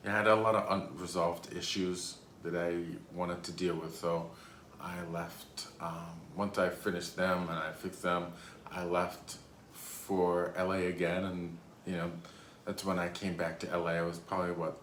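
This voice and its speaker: A YouTuber in his thirties from Rhode Island tells a casual, rambling story with lots of hesitations. His voice sits low with a fairly bright tone, recorded in an echoey room with faint background noise.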